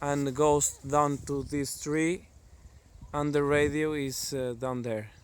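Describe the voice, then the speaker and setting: Slow, halting non-native man outdoors. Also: on the high side, fairly even intonation, a little hiss or hum. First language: not English. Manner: hesitant, halting delivery. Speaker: amateur radio hobbyist presenting a video. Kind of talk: casual vlog demonstration. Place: outdoors in the countryside among trees.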